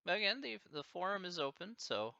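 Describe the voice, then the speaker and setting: Midwestern man, math professor fielding a casual class Q&A, easygoing and chatty, bright voice, dull lo-fi sound. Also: sits high, sing-song, moderate pace, vocal fry, dry recording. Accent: Midwestern American. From American Midwest. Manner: chatty, easygoing, thinks aloud. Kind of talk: casual live Q&A with students.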